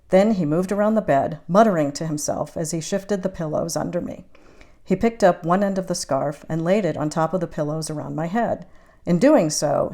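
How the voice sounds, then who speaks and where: A woman narrating a romance audiobook in the first person, measured and intimate. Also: on the low side, darkish tone. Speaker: audiobook reader.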